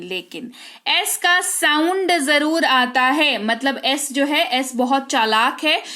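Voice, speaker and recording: High-voiced woman teaching English spelling. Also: fairly bright tone. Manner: patient, repeats words slowly and checks in with "ठीक है?". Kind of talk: spoken Hindi lesson on English spelling.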